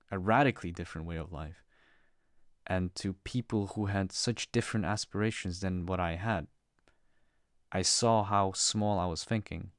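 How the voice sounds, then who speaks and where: This is a young man from the Czech Republic with a notably low voice, speaking as a podcast guest. He talks casually and hesitantly, padding his sentences with fillers. The sound is dry and close. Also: no echo. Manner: hesitant, full of fillers and restarts. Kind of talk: casual personal conversation.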